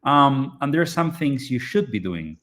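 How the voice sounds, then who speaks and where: Speaking English in a live online interview, a startup founder originally from Argentina sounds hesitant, with plenty of fillers and restarts. His mid-range voice has a sing-song lilt, a moderate pace, and a fairly bright tone.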